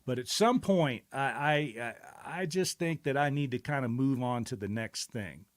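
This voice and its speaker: A middle-aged man chats casually on his own stream, telling stories at length. He wanders through his thoughts with plenty of "uh"s and restarts, and his pitch sits in an ordinary middle range. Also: moderate pace. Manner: rambling, reflective, many fillers and restarts. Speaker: show host. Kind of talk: casual live-stream chat.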